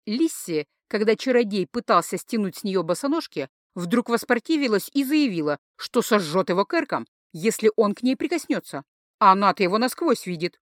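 Lively woman narrating an audiobook. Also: mid-range voice, no echo, clean studio sound. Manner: lively, expressive reading. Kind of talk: scripted narration.

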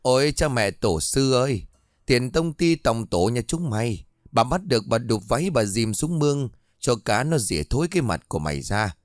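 A man voicing a foul-mouthed old village woman who rants shrill curses in a spoken ghost story. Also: very animated, moderate pace, no room sound, studio quality, close to an everyday voice. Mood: furious.

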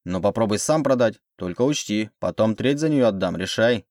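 A man playing a rough male cart driver who mocks and threatens, talking gruffly. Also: on the low side, expressive, moderate pace, darkish tone, no room sound, studio quality, close to an everyday voice. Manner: gruff and mocking.

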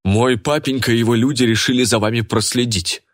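A man's voice: medium pitch, steady tone, brisk, no room sound, clean studio sound, pitched above the performer's own voice, close to an everyday voice. A man voicing a jealous, burly young woman who bellows and bosses everyone around. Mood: boastful. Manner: bellowing and bossy.

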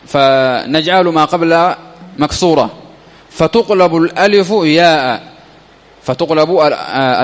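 A man's voice: fairly high pitch, in a large hall. A man teaching an Arabic grammar lesson. He reads from a text, asks his students questions and repeats points as he explains them. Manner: reads a passage, then explains it with questions and repetition.

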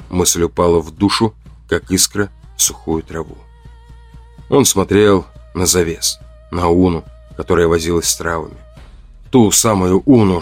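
Male audiobook narrator, deep-ish, dramatic measured read, very dry mic. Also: no echo.

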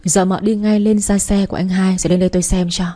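A woman's voice: medium pitch, flat delivery, quick pace, warm tone, natural voice. Woman reading a brusque young doctor. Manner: brusque, commanding.

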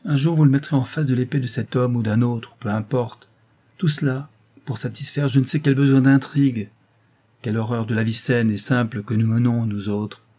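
A man's voice: mid-range voice, steady tone, moderate pace, dark tone, lightly acted. A man reading as a cold, ironic doctor. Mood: stern. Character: cold stern middle-aged male doctor.

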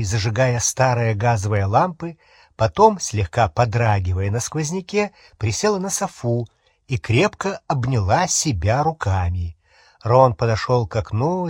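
A male narrator reads a novel aloud in steady scripted storytelling. His voice is husky and sits at a middling pitch. The recording is dry and close, with no room sound. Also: no echo. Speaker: audiobook narrator.

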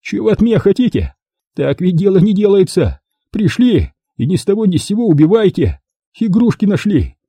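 A man voicing a rough, coarse ex-diver thug. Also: high voice, sing-song, normal speed, mellow, no echo, pitched above the performer's own voice, exaggerated voice. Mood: pleading. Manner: coarse, snarling, then pleading. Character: rough, cornered male former diver thug.

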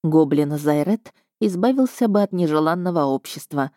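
A woman's voice: sits low, animated, moderate pace, mellow, no room sound. A woman reading a first-person story aloud with a wry, dry tone. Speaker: audiobook narrator. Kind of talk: scripted first-person narration.

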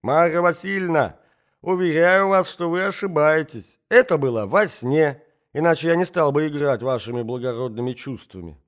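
A man reading an audiobook, voicing a muddled, forgetful old prince who rambles and brightens easily. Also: fairly high pitch, moderate pace, pitched above the performer's own voice, close to an everyday voice. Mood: delighted.

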